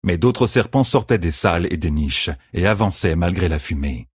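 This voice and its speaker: A man narrating an audiobook chapter in a slow, measured reading. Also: sits low, lively intonation, husky, no room sound, clean studio sound. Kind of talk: scripted narration.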